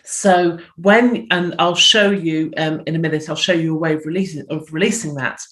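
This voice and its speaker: A woman's voice: low-pitched, fairly even intonation, normal speed, a bit bright. Chatty middle-aged woman physiotherapist. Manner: chatty, explains with acted inner voices. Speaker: physiotherapist guest. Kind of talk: explaining health tips in an interview.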